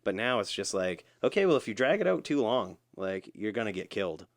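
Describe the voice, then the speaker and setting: A man's voice: fairly low pitch, big pitch swings, brisk, no echo, studio quality. A man co-hosting a podcast in easygoing casual chat, full of "you know" fillers. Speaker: podcast co-host.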